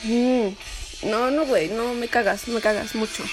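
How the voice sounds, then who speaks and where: A woman's voice: on the high side, steady tone, measured pace. Profane ranting young Mexican woman. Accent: Mexican Spanish. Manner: profane, heated, sarcastic ranting. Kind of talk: ranting vlog monologue. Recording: music playing behind the voice.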